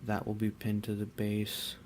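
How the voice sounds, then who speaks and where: Relaxed, rambling man with a flat voice. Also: lowish voice, unhurried, slight background noise. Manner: rambling, relaxed, many fillers and restarts. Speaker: miniature painter. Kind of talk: casual hobby tutorial.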